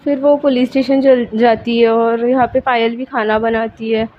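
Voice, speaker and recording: A woman's voice: on the high side, level tone, moderate pace. Chatty female storyteller, lo-fi. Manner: chatty, linking with "so then". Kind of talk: casual story narration. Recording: dull lo-fi with faint hiss.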